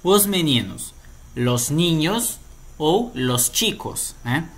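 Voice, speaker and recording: A man's voice: on the high side, lively intonation, slow. A man with a Brazilian Portuguese accent patiently explaining a grammar lesson, often checking in with the listener. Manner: patient, explanatory, tags sentences with "né?". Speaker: Spanish teacher.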